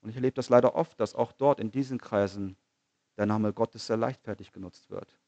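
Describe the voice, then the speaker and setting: A man preaching a sermon in an earnest manner, asking rhetorical questions, repeating phrases and slowing down on key lines. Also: fairly low pitch, a little mellow, no room sound, highs cut off.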